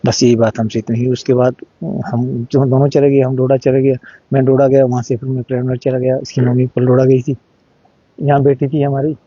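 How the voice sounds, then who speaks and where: A middle-aged father telling his story in an interview, halting and repeating words while he acts out what each person said. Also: medium pitch, level tone, mellow, dry recording, highs cut off. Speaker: interviewee, father of the deceased boy. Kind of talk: emotional first-hand account in an interview.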